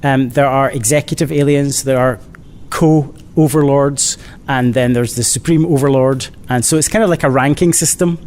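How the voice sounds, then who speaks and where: Speaking at a normal speed with fairly even intonation, a children's author fields interview questions in a relaxed way full of dry, playful wit. His voice is a little mellow, and a low rumble and clear background noise sit under the recording.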